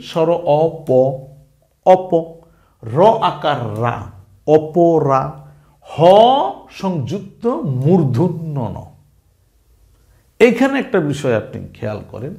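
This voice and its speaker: A man's voice: high voice, a little mellow. A man teaching a recorded lesson on spelling and pronunciation, explaining step by step and answering his own questions. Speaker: Bengali language teacher.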